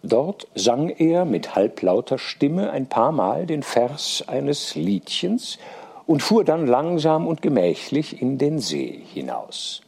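A man reading a classic story aloud in a measured, expressive way. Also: fairly high pitch, gravelly, slightly rough. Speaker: reader. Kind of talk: literary reading.

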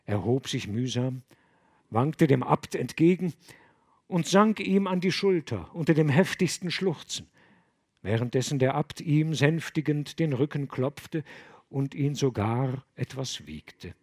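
A man narrating a literary audiobook in a measured, expressive storytelling manner. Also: mid-range voice, slightly rough. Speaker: audiobook reader.

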